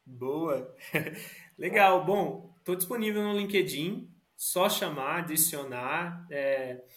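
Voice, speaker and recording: A man's voice: on the high side, slow pace, fairly bright tone. A Brazilian man speaking as a podcast guest in a casual, reflective conversational way. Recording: roomy echo.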